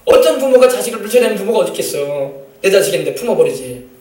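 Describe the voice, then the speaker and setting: High, fast-preaching pastor in an echoey church. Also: male voice, big pitch swings, darkish tone. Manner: emphatic preaching, calls for amen, acts out family quotes. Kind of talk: sermon. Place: church sanctuary. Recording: echoey church sound from a distant mic.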